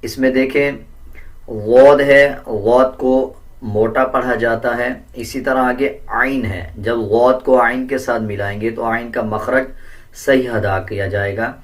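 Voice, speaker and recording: Male recitation teacher, very slow, patient, deliberate, voice a bit distant from the mic. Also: mid-range voice, fairly even intonation. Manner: patient, deliberate, repeats and corrects common mistakes. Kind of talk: step-by-step pronunciation lesson.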